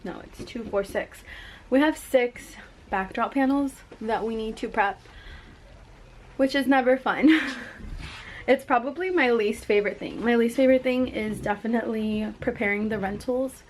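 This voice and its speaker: A woman's voice: a little high, moderate pace, a little hiss or hum. A young woman, a balloon decor business owner, talking casually and rambling as she works in her indoor studio with a handheld camera, laughing often. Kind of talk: casual vlog talk.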